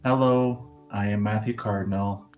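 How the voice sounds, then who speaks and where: Deep-voiced man in his thirties. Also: steady tone, moderate pace, darkish tone, soft background music. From Canada. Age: 30s. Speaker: interviewee. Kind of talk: recalling illness in an interview.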